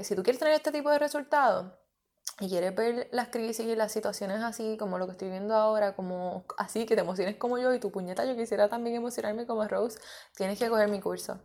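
Woman talking on her podcast, mid pitch, gravelly fry, super candid, tosses in english words. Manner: candid, expressive, mixes in English words and swears freely. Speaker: podcast host and mindset coach. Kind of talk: casual podcast monologue.

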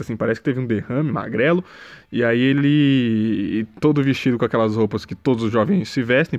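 A man giving a sarcastic, rambling casual monologue, mocking what he saw online and breaking into loud exaggerated bursts. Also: mid-range voice, highs cut off. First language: Portuguese. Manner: mimics a slow dazed voice when quoting.

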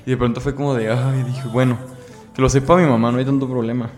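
A young man with a Mexican accent recounts a personal story in an interview, speaking candidly and emotionally with plenty of casual slang. His voice sits at an ordinary middle pitch. Faint music plays underneath. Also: steady tone, quick pace, a little mellow.

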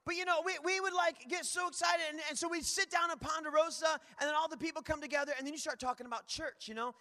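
A man preaching a lively church sermon, rambling and energetic, calling out to the congregation. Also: extremely high pitch, brisk. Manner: energetic, rambling, calls out to the crowd. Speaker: guest preacher. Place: church hall. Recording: long hall reverb.

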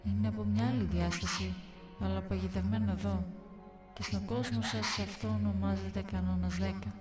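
Woman voicing a loud ominous wolf creature. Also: mid-range voice, steady tone, reverberant, recorded from a distance, over music, lightly acted. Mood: bitter. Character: menacing trapped wolf creature, male, cryptic and bitter.

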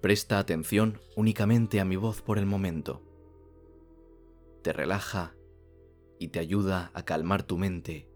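A man from narrates a soothing guided sleep meditation like a bedtime story narrator, speaking calmly in slow phrases with long pauses. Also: deep voice, faint music behind.

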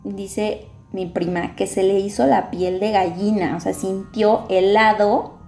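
Casting: Mexican woman host telling a ghost story, slow and mellow, roomy sound with soft music. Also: mid-range voice, steady tone. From Mexico City. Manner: slow, drawn-out storyteller acting out quotes. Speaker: podcast host. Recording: echoey room with music behind.

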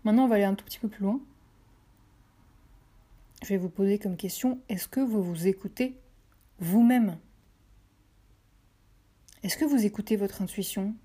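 A French woman hosts a motivational podcast with a mellow, warm tone. She talks straight to her listeners, encouraging them and repeating key phrases for weight. Her pitch sits in an ordinary middle range. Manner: addresses listeners directly. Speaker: podcast host.

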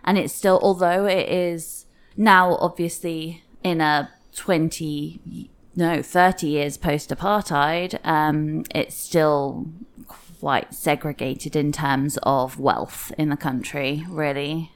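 A woman's voice: sits low, steady tone, takes it slowly. A woman co-hosting a podcast in casual chat, explaining things in an easygoing way with lots of fillers. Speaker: podcast co-host.

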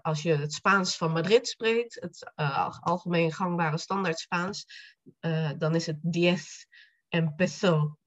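A woman teaching Spanish in a podcast lesson, explaining slowly and repeating each phrase. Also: lowish voice, lo-fi sound.

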